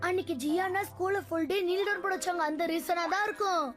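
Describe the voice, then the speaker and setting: A woman's voice: very high voice, steady tone, fast. A woman voicing a cheeky, whiny young schoolboy in a dubbed cartoon. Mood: pleading. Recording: cartoon music underneath.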